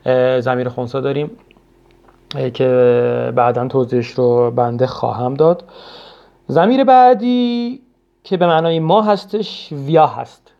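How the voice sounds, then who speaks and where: A man's voice: a little high, vocal fry, a little mellow. A man from Iran teaching a spoken language lesson, patiently repeating words for learners and speaking formally and politely with many hesitation sounds. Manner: patient, repeats each word slowly for learners. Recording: dull lo-fi recording.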